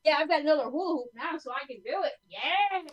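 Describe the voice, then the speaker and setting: A woman's voice: high voice, lively intonation, fast, highs cut off. A woman chatting on a casual group voice call, upbeat and talkative. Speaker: call participant.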